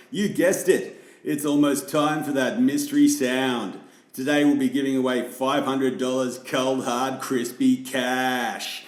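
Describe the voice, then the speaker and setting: A man playing a smooth-talking radio DJ host in a parody radio show, with a slick, upbeat on-air patter. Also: mid-range voice, roomy sound, lightly acted.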